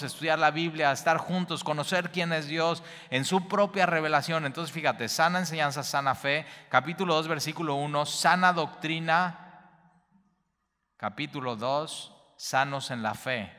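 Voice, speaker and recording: Male pastor, emphatic repeating teacher, crisp bright voice echoing in a large hall. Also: fairly high pitch. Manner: repetitive, emphatic, slight stumbles. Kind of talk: Bible study teaching.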